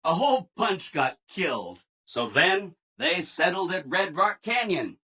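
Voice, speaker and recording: In video game character dialogue, a man uses a high-pitched, sing-song, husky voice, bright and forceful, pacing himself unhurriedly in a full character performance. He plays a relentlessly cheerful, eager-to-please robot assistant, perky and over-polite, explaining things cheerfully.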